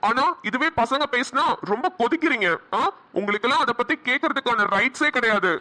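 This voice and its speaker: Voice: medium pitch, brisk, noisy background, lightly acted. A voice actor playing an earnest, protective young man in a cartoon, speaking firmly and with passion. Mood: indignant. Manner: firm, passionate. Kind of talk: cartoon voice acting.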